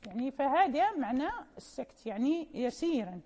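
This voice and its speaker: A woman's voice: high voice, very animated, a little fast, mellow, in a large hall. A woman teaching Quran recitation in an informal classroom lecture, patiently explaining and quoting verses and poem lines in a chanting lilt.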